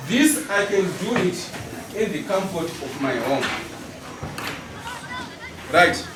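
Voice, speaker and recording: A middle-aged man teaching a school class. He speaks slowly and deliberately, often checking with the pupils. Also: high-pitched, big pitch swings. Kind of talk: classroom lesson. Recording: roomy hall echo, distant mic, class noise.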